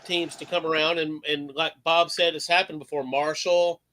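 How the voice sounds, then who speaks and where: A man's voice: on the high side, level tone, normal speed, pushed and bright, low-quality recording. A man in his fifties hosting a casual sports talk show, rambling, opinionated and full of profanity. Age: 50s. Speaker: host.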